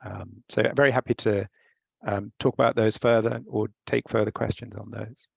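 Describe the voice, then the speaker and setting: A man who heads a company, explaining a training method in measured way during a panel discussion over what sounds like an online call. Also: lowish voice, steady tone, creaky, breathy edge, no room sound. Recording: dry, dull lo-fi sound.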